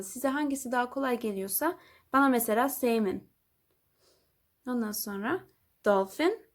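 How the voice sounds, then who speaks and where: A woman whose first language is Turkish, teaching English vocabulary, saying each word twice slowly for learners to repeat. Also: on the high side. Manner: says each word twice, slow and deliberate. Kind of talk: vocabulary lesson, slow repeat-after-me drilling.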